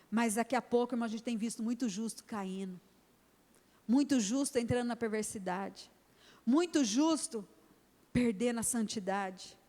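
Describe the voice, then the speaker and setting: A woman's voice: a little high, dark tone. A middle-aged Brazilian woman pastor preaching an emphatic sermon in a church, acting out conversations with her daughter. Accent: Brazilian Portuguese. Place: church hall. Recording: long church reverb.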